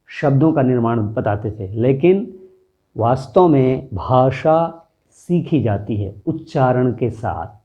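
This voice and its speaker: A man's voice: medium pitch, narrow, tinny audio. A man teaching a Hindi grammar lesson, reciting letters one by one and counting them aloud. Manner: deliberate, explanatory. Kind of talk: slow classroom lesson.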